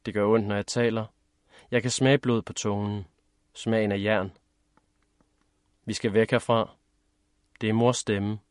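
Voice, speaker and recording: A man narrating a first-person story in a measured, steady reading. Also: on the low side, smooth, no echo, studio quality. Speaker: audiobook narrator.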